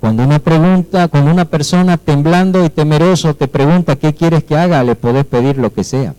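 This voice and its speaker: A man's voice: fairly high pitch, fairly quick, warm tone, smooth, low-quality recording. A male pastor with a Rioplatense Spanish accent, preaching emphatically and often asking the congregation whether they follow. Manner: emphatic, checks in with listeners through questions; acts out quoted dialogue with shifting voices. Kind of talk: sermon.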